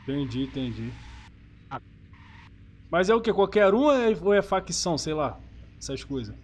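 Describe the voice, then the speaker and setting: A Brazilian man hosting his own channel delivers casual, enthusiastic gameplay commentary packed with slang into a gaming headset. His voice is high-pitched and very animated, at a moderate pace.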